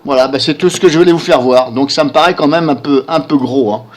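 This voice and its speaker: A man's voice: medium pitch, fast talker. A man vlogging about product reviews he reads on screen, talking casually and sounding incredulous, with lots of filler tags and rhetorical questions. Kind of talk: casual commentary over a screen recording.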